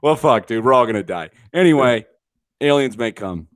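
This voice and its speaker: A man's voice: mid-range voice, expressive, moderate pace. A man co-hosting a casual podcast chat, profane and rambling with frequent laughter. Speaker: podcast co-host.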